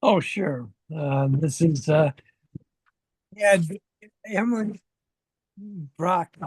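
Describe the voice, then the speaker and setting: A man's voice: on the high side, lively intonation, extremely slow, breathy edge, dry recording, low-quality recording. Man on a call that keeps breaking up. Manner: hesitant, many fillers. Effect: remote call audio breaking up. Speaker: gallery co-presenter. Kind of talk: casual auction preview commentary.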